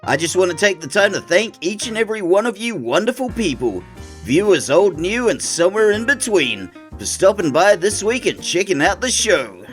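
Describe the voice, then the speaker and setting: A man's voice: high voice, big pitch swings, normal speed, a bit bright. A man calling wrestling play-by-play as the show's commentator and host, sardonic and opinionated, with mock-grumpy asides. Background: music.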